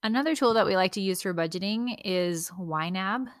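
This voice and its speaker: A woman's voice: mid-range voice, moderate pace, no room sound, clean studio sound. A woman in her thirties, a mother of several kids, hosting a casual solo podcast and sharing practical tips in a chatty way with small laughs. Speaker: podcast host.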